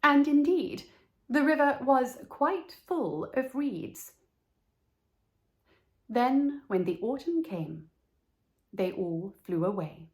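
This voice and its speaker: A woman narrating a children's story from a script, with measured, deliberate phrasing. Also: sits high, sing-song, a little mellow. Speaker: storybook reader.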